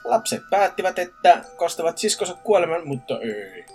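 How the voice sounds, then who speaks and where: A man's voice: sits high, very animated, darkish tone, soft background music. A man co-hosting a casual podcast, reading scary stories aloud stiffly, with slips and restarts. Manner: reads stiffly with slips and laughs.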